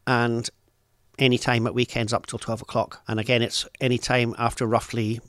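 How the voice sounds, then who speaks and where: Flat, measured man. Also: medium pitch, no echo, studio quality. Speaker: rail ticket expert. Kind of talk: explaining ticket options.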